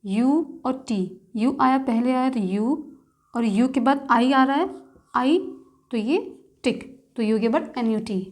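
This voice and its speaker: A woman teaching shorthand in a patient lesson, slowly breaking words into their sounds one by one. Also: a little high. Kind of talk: step-by-step instructional lesson.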